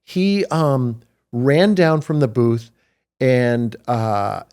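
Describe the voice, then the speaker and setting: A man in his sixties hosting a podcast, telling animated stories in casual chat. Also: mid-range voice, extremely slow, clear, resonant tone. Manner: animated anecdotes with acted quotes. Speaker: podcast host.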